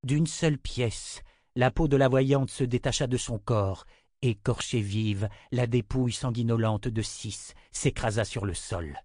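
A man reading a dark fantasy novel aloud, steady and measured. His voice sits at an ordinary middle pitch, and the sound is close and dry, with no room around it. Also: no room sound. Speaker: audiobook narrator. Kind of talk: scripted fantasy narration.

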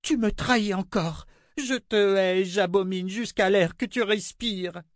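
A man reading an audiobook, voicing a vain, cruel queen with a shrill, imperious manner. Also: unhurried, dry recording, studio quality. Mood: pleading, furious. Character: vain cruel middle-aged queen, hysterical and haughty.

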